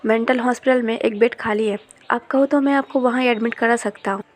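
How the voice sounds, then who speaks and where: A woman's voice: a little high, fairly even intonation, a little fast, natural voice. A woman voicing a hot-tempered married young man who teases and defends himself. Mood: defensive. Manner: teasing and defensive.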